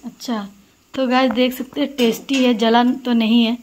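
A housewife vlogger talks casually to the camera in her small home, moving between rooms, the kitchen and the balcony, chatting and rambling as she goes. Her voice is fairly high with fairly even intonation at a normal speed, and the phone held at arm's length picks up clear household background noise.

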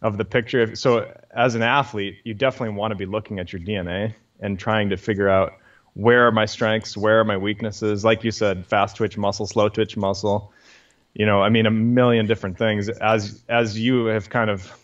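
A fairly low-voiced man who explains science patiently and steadily, dropping in lots of small fillers as he goes. The audio sounds a bit dull and lo-fi. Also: level tone, normal speed. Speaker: guest scientist. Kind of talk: explanatory interview talk.

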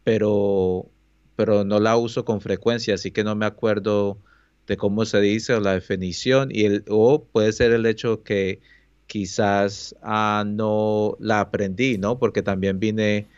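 A man's voice: lowish voice, steady tone, unhurried, darkish tone, clean tone, no room sound. A man from Colombia, podcast co-host, speaking in a thoughtful, hesitant casual chat. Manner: thoughtful, hesitant, many fillers. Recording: dry, slightly dull mic sound.

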